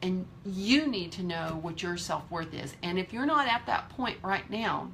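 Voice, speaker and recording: Woman, fifties, lowish voice, bright and forceful tone, blunt motivational vlog talk, swears freely. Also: lively intonation, a little slow, gravelly, a little hiss or hum. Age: 50s. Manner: candid and emphatic, swears freely. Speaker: vlogger.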